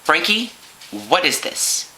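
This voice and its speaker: A man's voice: high voice, expressive, normal speed, sharp tone, slight background noise, voice pushed up, exaggerated voice, poor audio. A man voicing a stern, exasperated mother scolding her son. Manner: exasperated, accusing.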